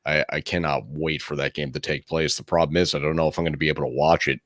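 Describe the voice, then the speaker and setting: A man's voice: a bass voice, flat delivery, quick pace, fairly bright tone, no echo, clean studio sound. A man co-hosting a casual sports podcast, rambling and swearing, often correcting himself mid-sentence. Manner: rambling, profane, self-correcting. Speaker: podcast co-host.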